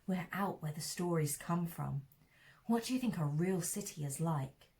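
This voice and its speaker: A woman's voice: on the low side, lively intonation, moderate pace, dark tone. A woman voicing an eager young male villager, casual and daydreaming about cities.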